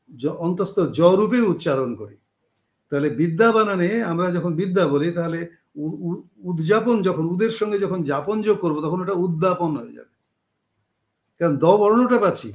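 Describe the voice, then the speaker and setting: A man giving a spoken lecture on spelling and word roots, explaining slowly with frequent pauses and self-corrections. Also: high voice, darkish tone. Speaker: teacher.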